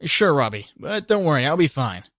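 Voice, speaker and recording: A man's voice: fairly high pitch, big pitch swings, moderate pace, fairly bright tone. A man voicing an anxious, wisecracking young superhero in a comic dub, talkative and earnest. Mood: reassuring.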